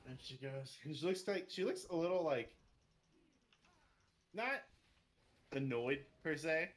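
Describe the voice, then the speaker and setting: A man's voice: fairly high pitch, animated, takes it slowly. A man narrating as game master of a tabletop game, loose and chatty, swearing casually.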